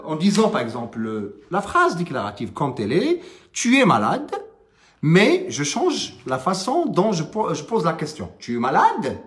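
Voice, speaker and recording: A male teacher walks through a grammar lesson in a slow, hesitant delivery. His voice sits high and swings widely in pitch. He is recorded from a distance in an echoing room. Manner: slow, halting explanation with many fillers and rising question tags. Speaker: French teacher. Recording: roomy, from some distance.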